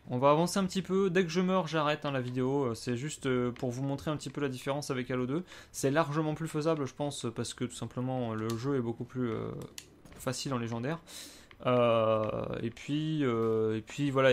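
A man commenting live on his own gameplay in a casual, hesitant way, swearing and breaking into sudden exclamations. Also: mid-range voice. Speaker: gamer playing and commenting.

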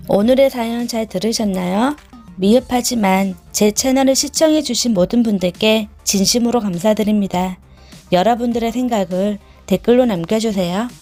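A woman reads a first-person story aloud in a plain, confiding storytelling voice. Her pitch sits a bit high, and faint background music plays throughout. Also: warm tone. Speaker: story reader. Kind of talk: read-aloud story narration.

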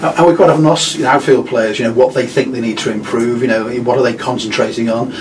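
A man's voice: mid-range voice, steady tone, quick pace. A man interviewing a player after a match, asking long, rambling questions full of fillers. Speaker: club media interviewer. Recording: distant mic with room noise.

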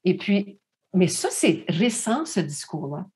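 A woman's voice: on the low side, sing-song, takes it slowly, warm tone. A woman with a Franco-Manitoban French accent, speaking as a panelist in a discussion, thoughtful and often restarting her sentences. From Manitoba, Canada.

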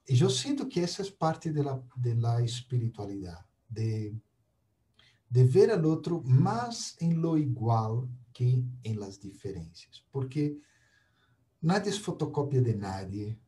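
A man's voice: mid-range voice, big pitch swings, dark tone, distant mic. A middle-aged man from Brazil speaking Spanish with a Brazilian Portuguese accent, giving a reflective, conversational spiritual talk and often ending points with a questioning "ya". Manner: unhurried, often ends points with "¿ya?".

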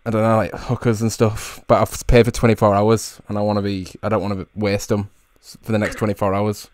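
A man's voice: on the low side, flat delivery, fairly quick, no room sound. A man in his twenties with an English accent, making casual prank calls in a hesitant, stammering way into a close microphone. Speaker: prank caller, video host. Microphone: close microphone on a boom arm.

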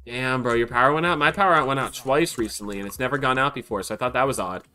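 Fast, bright-voiced young man joking with friends. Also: mid-range voice, soft background music. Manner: joking, crude banter. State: nasal from a cold. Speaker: gaming channel host. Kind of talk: casual gaming chat with friends.

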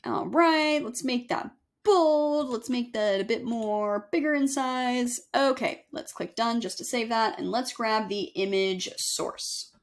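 Young woman walking thru a software tutorial, kinda high voice, chatty, lots of ums. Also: slow pace. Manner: casual, chatty, self-correcting with fillers. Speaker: email marketing instructor. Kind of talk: screen-share software tutorial. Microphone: webcam overlay on screen recording.

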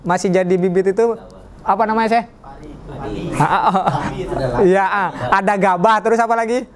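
A man's voice: high voice, normal speed, a crowd in the background. A man teaching an Arabic class in a mosque, joking with his students and quizzing them as he goes. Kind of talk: classroom lesson.

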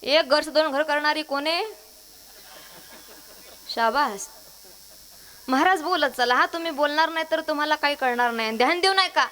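A woman's voice: high-pitched, moderate pace, pauses often, sharp tone. A woman kirtankar from Maharashtra, giving a devotional sermon to a women's gathering, quizzing the crowd and singing verses. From Maharashtra, India. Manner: call-and-response, quizzing the audience, sings verses. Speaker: kirtankar preacher.

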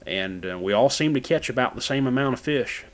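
A man's voice: mid-range voice, expressive, a little fast. A man from Florida narrating his own fishing footage in a plain, folksy how-to manner. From Florida, USA. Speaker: fishing channel host.

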